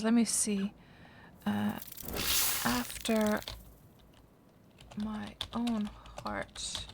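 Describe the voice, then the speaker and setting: Against a noisy background, a gravelly, mid-range female voice chats away during a game livestream. She's a native Finnish speaker who responds to viewers casually, thinking aloud with frequent fillers and restarts.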